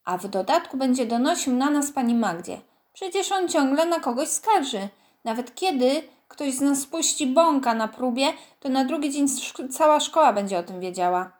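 A woman's voice: high-pitched, animated, moderate pace. A woman voicing a cheeky, joking schoolboy.

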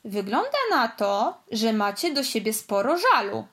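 Woman reading a calm, kindly father car. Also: a little high, unhurried, exaggerated voice. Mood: gentle. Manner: calm, gentle, understanding. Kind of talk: storybook read-aloud.

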